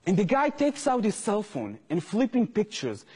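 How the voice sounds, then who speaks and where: High-voiced Israeli man lecturing in a hall. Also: wildly swooping pitch, moderate pace, darkish tone, slightly rough. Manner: earnest storytelling turning impassioned. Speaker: activist lecturer. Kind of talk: public lecture.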